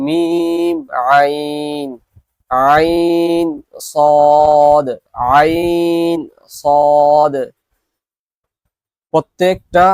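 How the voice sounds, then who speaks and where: A man teaching Quran reading, patiently explaining and slowly reciting letter names. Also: medium pitch, a little mellow, no room sound. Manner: patient, repetitive instruction. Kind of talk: classroom-style recorded lesson.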